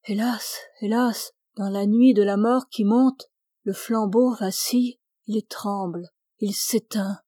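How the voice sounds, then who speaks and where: A woman's voice: medium pitch, steady tone, slow pace, mellow, no room sound, clean studio sound. A woman reading an audiobook, voicing a dying young man tormented by religious doubt, pleading and anguished. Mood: despairing.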